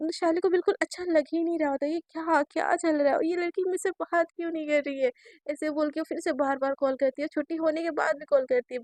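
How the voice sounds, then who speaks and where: A woman's voice: high voice, a little mellow, no echo. A woman telling a romantic story in a chatty, casual way, speaking directly to her listeners.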